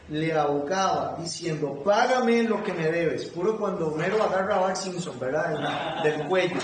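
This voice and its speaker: A man from Costa Rica leading a church Bible study, reading scripture aloud and quizzing his group with questions. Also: high voice. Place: church meeting room. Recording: echoey room, far from the mic, noisy.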